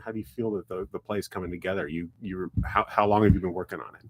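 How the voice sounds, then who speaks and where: A man's voice: sits low, fairly even intonation, fast talker, slight background noise. A middle-aged man hosting a local radio talk show in the studio, joking and rambling with many restarts as he interviews students.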